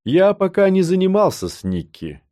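Calm unbothered mentor guy, voiced by the reader, a bit higher, lively, audiobook. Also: normal speed. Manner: calm, unflappable. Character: calm male mentor, composed. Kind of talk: audiobook character reading.

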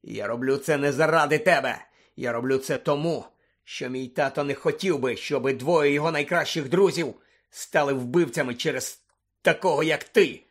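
A man's voice: on the high side, normal speed. A man reading an audiobook, voicing a determined teenage boy wizard who speaks firmly and out of breath. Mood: urgent. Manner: breathless, firm.

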